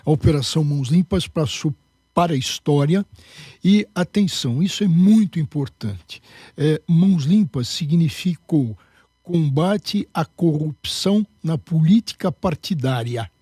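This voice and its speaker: A man's voice: on the high side, lively intonation, a little slow, warm tone, husky, dry recording, studio quality. A man answering as a guest in a political interview, emphatic and lecturing.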